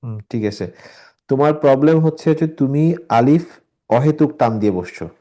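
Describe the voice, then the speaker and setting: A man with a mellow, warm voice leads an online Quran reading lesson. He stays patient and methodical as he explains each rule, then recites the words slowly to show how they should sound. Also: medium pitch, lively intonation. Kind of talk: online tajweed class, correcting students.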